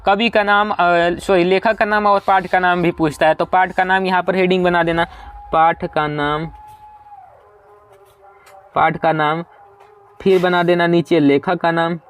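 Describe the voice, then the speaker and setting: A young man teaching an exam preparation lesson. He explains each step, keeps checking that students follow, and slows down to read verses aloud. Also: high voice, flat delivery, smooth.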